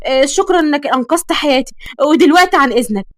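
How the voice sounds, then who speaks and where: A woman voicing an excitable, joking young female music teacher in an Egyptian accent. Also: high-pitched, rapid-fire, dry recording, studio quality, natural voice.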